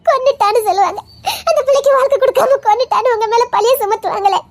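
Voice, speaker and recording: Brief: woman playing a tearful young wife in an audio story, very high, sobbing voice. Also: animated, normal speed, darkish tone. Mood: weeping despair. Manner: sobbing, wailing laments. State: crying. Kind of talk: Tamil audio story acting.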